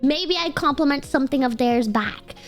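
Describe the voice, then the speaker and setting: High, girlish, nasal cute anime streamer woman. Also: moderate pace, faint music behind. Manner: cute anime-streamer delivery, excitable and projected. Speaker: VTuber livestreamer. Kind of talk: casual livestream chat with viewers.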